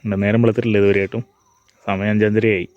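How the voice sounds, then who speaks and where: A man's voice: lowish voice, flat delivery, fast, a little mellow, no echo, lo-fi sound. A man gives casual outdoor vlog commentary, mixing English words into his Malayalam as he narrates what he is doing. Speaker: travel vlogger. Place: outdoors at a hilltop viewpoint before and at dawn.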